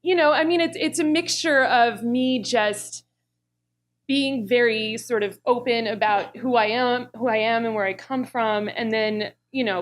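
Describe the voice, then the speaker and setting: A woman's voice: fairly high pitch, slight background noise. A woman from the Los Angeles area speaking as a panelist, chatty, laughing often between thoughts. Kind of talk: panel discussion.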